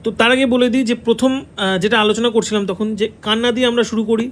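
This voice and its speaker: A man's voice: very high-pitched, steady tone, racing, fairly bright tone. A man with a Bengali accent teaching an online exam-prep lesson, repeating the key answers and checking in with his students. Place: classroom with a board.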